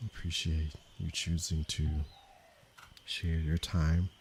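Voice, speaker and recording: A man from Canada, a meditation teacher, speaking softly and unhurriedly to viewers of his livestream. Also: a bass voice, little pitch movement, a little hiss or hum. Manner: slow, soft-spoken and unhurried, with pauses. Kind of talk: calm livestream talk to viewers.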